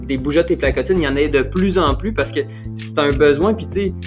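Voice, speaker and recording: A man with a Quebec French accent hosting an interview, relaxed and hesitant with fillers. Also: fairly high pitch, brisk, music in the background. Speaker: podcast host. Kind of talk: casual interview chat.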